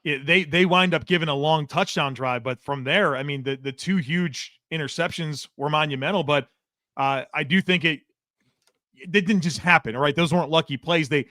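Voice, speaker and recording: A man on a sports podcast, talking football in an excitable, emphatic casual way. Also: fairly high pitch, normal speed, dry recording, clean studio sound. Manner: excitable, emphatic, says he is catching his breath.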